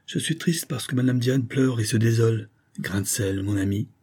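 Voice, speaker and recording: A man voicing a sad, grave army captain who speaks quietly. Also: mid-range voice, normal speed, slightly rough.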